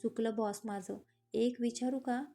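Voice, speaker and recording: A woman's voice: on the high side, fairly even intonation, unhurried, warm tone, faint music behind. A woman voicing a nervous, deferential male henchman questioning his boss in an audio story.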